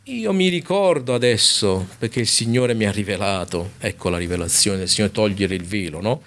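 A man's voice: on the low side, lively intonation, a bit bright. Earnest man preaching a sermon. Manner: earnest, slows for emphasis and addresses the congregation. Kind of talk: sermon with Bible reading.

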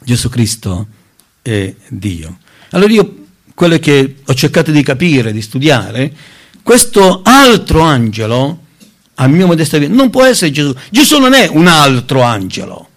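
A man's voice: a little high, unhurried. A man preaching a Bible teaching sermon, reading scripture aloud and stressing key words. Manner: emphatic, rising on key words, lively intonation; addresses listeners as brothers, reads scripture aloud.

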